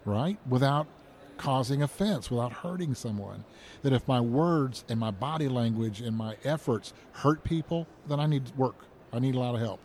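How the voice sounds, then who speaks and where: A man's voice: mid-range voice, normal speed, darkish tone. A man talking as an author guest on a radio interview, earnest and repetitive, with a joking streak.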